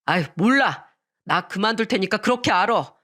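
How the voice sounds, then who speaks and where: A woman's voice: medium pitch, expressive, moderate pace, a bit bright. Grumpy dismissive husband in his forties for a radio story, curt and sulky, voiced by a woman. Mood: defiant. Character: surly lazy middle-aged husband, male.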